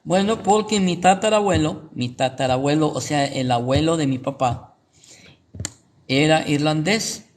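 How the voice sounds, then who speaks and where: Here a Guatemalan pastor from Guatemala City teaches the Bible informally, asking rhetorical questions as he goes. His voice is fairly high with a measured pace and a Guatemalan Spanish accent, and there's a little hiss or hum in the audio.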